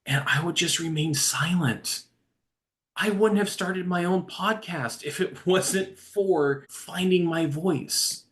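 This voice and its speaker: A man speaking as a recovery-coach guest in a conversational interview, earnest and growing animated as he tells a story. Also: sits high, takes it slowly.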